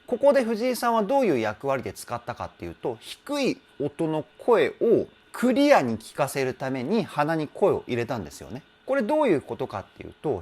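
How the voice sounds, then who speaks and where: A man's voice: on the high side, darkish tone. A man working as a vocal trainer, talking casually as he analyses a singer's technique, laughing often and humming bits of the melody. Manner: chatty, self-deprecating, laughs often, hums and imitates sung phrases.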